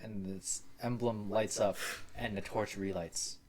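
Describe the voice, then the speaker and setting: Male tabletop game master, unhurried delivery, fairly low voice. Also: steady tone, darkish tone.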